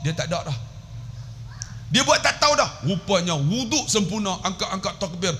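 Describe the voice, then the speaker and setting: Lively preacher man telling stories. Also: high-pitched, normal speed, a little hiss or hum. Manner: lively storytelling, recites Arabic prayers. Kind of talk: storytelling sermon.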